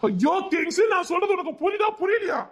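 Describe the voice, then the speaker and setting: Heavily acted and brisk, a man's very high voice with lively intonation carries a Tirunelveli Tamil accent as he plays an older-brother ally in an audio story. Urgent and pressing, he scolds his way up to shouts. The recording is dull and lo-fi.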